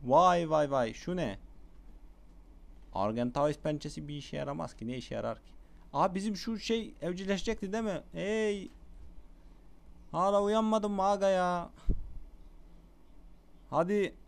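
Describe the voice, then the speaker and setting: Young man, gameplay commentary, chatty and excitable, smooth clear voice. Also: high voice, moderate pace, long pauses. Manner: excitable, shouts at the game, chatty with viewers. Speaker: gaming YouTuber.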